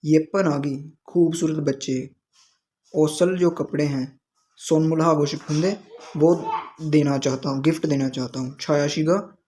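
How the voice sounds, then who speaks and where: A man's voice: fairly high pitch, steady tone, unhurried, dark tone, slight background noise. A man teaching a language lesson, explaining the dialogue word by word. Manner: explains word by word, with frequent restarts.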